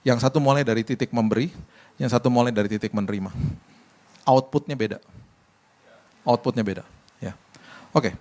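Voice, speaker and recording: A middle-aged male pastor preaching a sermon, telling stories in a lively, emphatic way with repeated phrases. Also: medium pitch, normal speed, long pauses. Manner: lively storyteller, emphatic and repetitive. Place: church service.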